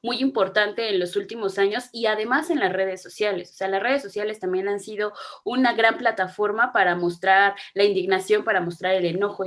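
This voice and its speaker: Friendly young woman interviewer. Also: mid-range voice. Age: young adult. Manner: friendly, ends questions with a tag. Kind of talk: conversational interview.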